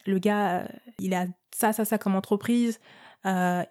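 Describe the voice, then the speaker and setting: A woman's voice: mid-range voice, steady tone, unhurried, darkish tone, natural voice. A woman voicing a bold young party girl who talks in a chatty way and hesitates often. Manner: chatty, hesitant, full of fillers.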